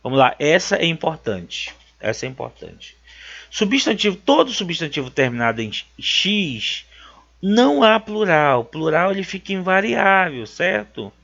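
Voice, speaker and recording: Unhurried and sing-song, his voice sits high with a creaky, slightly bright texture. The man, from Brazil and speaking with a Brazilian Portuguese accent, emphatically walks through grammar for an exam, repeating key terms and asking "certo?", all in dull lo-fi sound.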